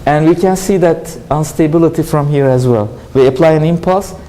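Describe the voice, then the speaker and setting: A university lecturer with a Turkish accent, a native Turkish speaker, giving a classroom lecture and often asking questions, then answering them himself. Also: male voice, on the high side, normal speed, dark tone, low-quality recording. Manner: explanatory, asks and answers his own questions. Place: lecture hall.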